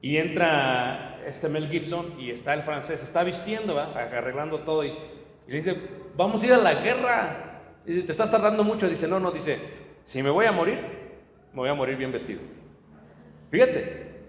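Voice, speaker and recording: A man's voice: on the high side, echoey room, big-room sound. A man preaching a sermon to his congregation, telling personal stories and speaking to them directly. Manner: storytelling, addresses congregation directly. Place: church hall.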